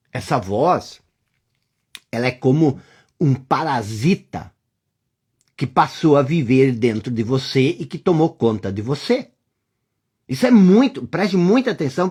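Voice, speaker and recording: Husky and medium in pitch, the voice belongs to a course teacher with a Brazilian accent giving a reflective lesson. Talking to the listener directly, the teacher repeats rhetorical questions and now and then falls to a hush.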